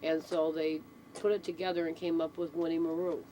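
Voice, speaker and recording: In a deep, mellow voice with little pitch movement, a local storyteller speaks a little fast while being interviewed. She explains things casually and matter-of-factly, checking in with the listener. The amateur recording is noisy, with vehicles audible.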